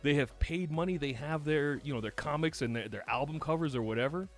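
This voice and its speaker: A man with a New York accent, hosting a podcast and telling stories in casual chat, animated and swearing freely. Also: on the high side, brisk, soft background music. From United States. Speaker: podcast host.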